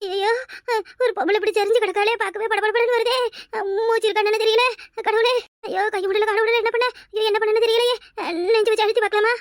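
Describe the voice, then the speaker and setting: A woman's voice: extremely high pitch, fairly even intonation, a little fast, no room sound, studio quality. A woman voicing a frantic young daughter-in-law. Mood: panicked. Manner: panicked, wailing, accusing. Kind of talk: cartoon voice acting.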